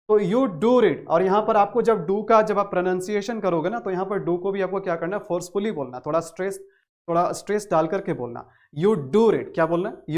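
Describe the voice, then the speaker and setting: A man's voice: sits high, darkish tone. A man with a Hindi accent teaching a spoken English grammar lesson, repeating key phrases and stressing words hard.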